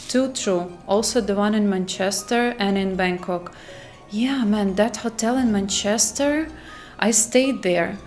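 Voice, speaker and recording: A woman who worked as a flight attendant, telling spooky hotel stories in a casual, animated way and laughing at herself. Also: mid-range voice. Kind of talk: casual storytelling to camera.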